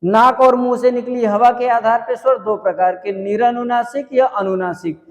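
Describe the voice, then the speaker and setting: A male teacher giving an exam-prep grammar lecture, asking questions and answering them himself and repeating key points slowly. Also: very high-pitched, steady tone, long reverb tail, highs cut off. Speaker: Hindi teacher.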